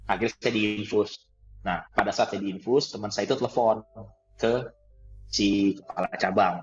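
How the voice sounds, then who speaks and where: A man telling a personal story in conversation, animated, laughing often and acting out the dialogue. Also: on the low side, normal speed, highs cut off, music in the background. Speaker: guest trainer.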